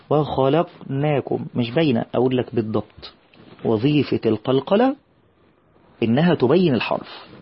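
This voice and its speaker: A man with an Egyptian Arabic accent teaching tajweed. He explains in quick everyday speech, then recites verses slowly and drawn out. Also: medium pitch, slightly rough, muffled recording. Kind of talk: tajweed lesson with slow recitation.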